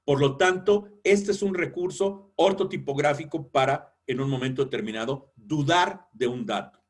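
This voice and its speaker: A man lecturing in a webinar on editorial writing, explaining clearly and acting out example sentences. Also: a little high, moderate pace.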